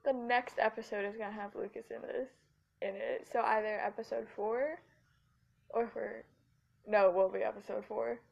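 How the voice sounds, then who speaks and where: Woman, podcast co-host, casual chat, giggly, gravelly voice, dull lo-fi sound. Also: a little high, fairly even intonation, normal speed. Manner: giggly, chatty. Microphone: headphones with mic.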